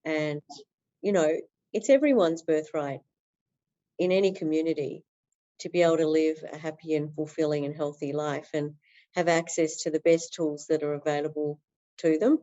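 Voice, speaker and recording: A woman's voice: low-pitched, fairly even intonation, moderate pace, mellow, highs cut off. A woman talking earnestly as a podcast guest in a flowing interview, with many fillers. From Australia. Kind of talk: interview conversation.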